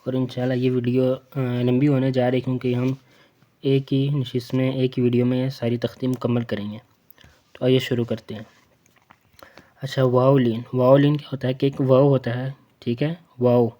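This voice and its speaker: A man with a Pakistani Urdu accent gives a slow, spelled-out recitation lesson. He speaks in a fairly level tone at a middling pitch, naming each letter and mark patiently and repeating every sound. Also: level tone, warm tone. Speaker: Quran reading teacher.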